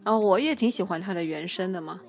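Relaxed, opinionated woman chatting. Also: fairly low pitch, fast talker, vocal fry, soft background music. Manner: relaxed, opinionated, laughs while defending her view. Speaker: podcast co-host. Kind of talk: casual chat about a TV drama.

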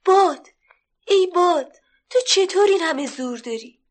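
Casting: a tiny, earnest storybook sparrow with a high voice, radio play. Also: female voice, expressive. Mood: pleading. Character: small pleading young sparrow. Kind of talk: 1970s children's radio story acting.

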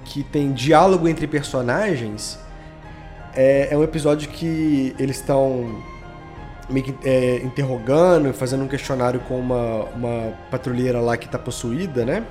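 In a casual interview chat, a Brazilian guest who makes and edits audio dramas explains his creative projects in slangy, relaxed language. He speaks at normal speed in a mid-range, darkish-toned voice, with soft music behind him.

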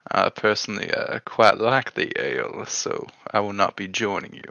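A man's voice: lowish voice, steady tone, moderate pace, gravelly, sharp tone, no echo, highs cut off. A man playing a tabletop game, speaking bluntly and dryly. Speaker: player.

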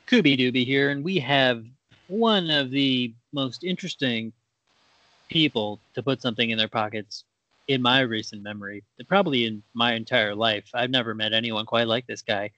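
A man's voice: medium pitch, normal speed, pushed and bright, no echo, muffled recording, lightly acted. A man playing a brash comic co-host on an improvised talk show, with mock-showbiz patter and emphatic delivery. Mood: showy.

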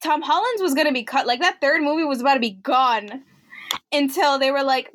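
A young woman co-hosting a podcast in casual chat, animated, acting out reactions in loud quotes and laughing often. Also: high voice, fairly quick, a little hiss or hum. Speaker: podcast co-host.

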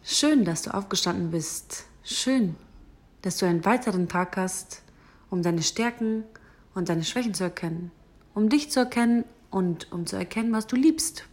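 A woman delivers a gentle morning affirmation in a soft, unhurried voice. Her tone is warmly encouraging, and now and then it sinks into a breathy whisper. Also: medium pitch.

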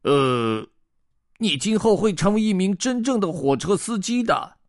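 Whale in a storybook, read by a man, high and squeaky, fretful, dry close sound. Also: unhurried, no room sound. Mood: worried. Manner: squeaky and excitable. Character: chatty fretful whale blowing bubbles.

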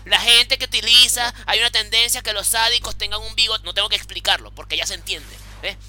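A young comedian, musing on jokes in casual podcast chat. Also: male voice, sits high, brisk, sharp tone.

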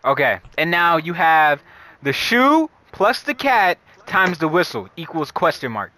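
A man's voice: on the high side, very animated, a little slow, sharp tone. A young man with a slangy, playful frat-bro manner, chatting casually and reading puzzles out to his friends. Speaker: riddle reader in a friend group.

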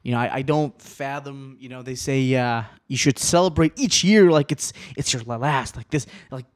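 A man's voice: medium pitch, moderate pace. A man in his twenties hosting a podcast, rambling casually, swearing a lot and laughing often. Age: 20s. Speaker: podcast host.

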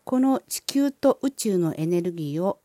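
A woman host reading a scripted wellness explainer with guided visualization, in polite, formal and measured phrasing. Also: on the low side, lively intonation, warm tone, no room sound, clean studio sound. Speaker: host of a wellness and spirituality channel.

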